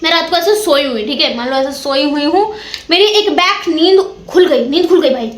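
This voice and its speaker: A young woman with a very high voice tells a ghost story in a casual, dramatic way. She piles up repeated words to build suspense. Her voice rings in an echoey room. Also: moderate pace, a little hiss or hum.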